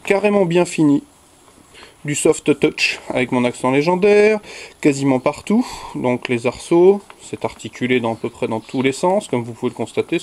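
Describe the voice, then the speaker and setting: A man's voice: on the high side, a little mellow, slight background noise. Chatty rambling man unboxing gear. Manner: rambling, self-correcting, jokey. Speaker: tech video host unboxing a headset. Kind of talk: casual unboxing chat.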